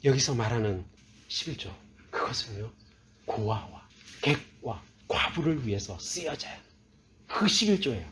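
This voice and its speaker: A pastor delivers a sermon, posing questions to his listeners and answering them himself, then raising his voice to read scripture aloud forcefully. He speaks at medium pitch with lively intonation, unhurried and pausing often, over a very noisy background.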